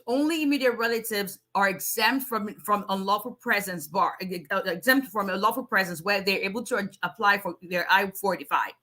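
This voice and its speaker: A Nigerian woman in her forties, an immigration attorney, answers viewers' questions in a casual livestream Q&A. Her medium-pitched voice is bright, forceful and strong, and she's chatty, restarting her sentences often.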